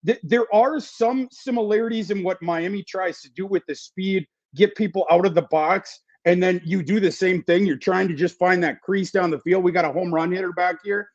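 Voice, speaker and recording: A man giving fantasy football analysis in a casual podcast chat, talking quickly and restarting his sentences. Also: sits high, highs cut off. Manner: fast, repeats words and restarts often.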